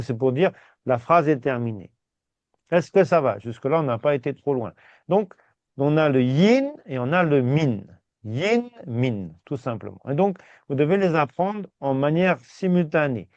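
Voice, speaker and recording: A man teaching a language class, reassuring his students and repeating words slowly. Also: medium pitch, no echo. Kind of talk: patient step-by-step class. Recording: dull, dry sound.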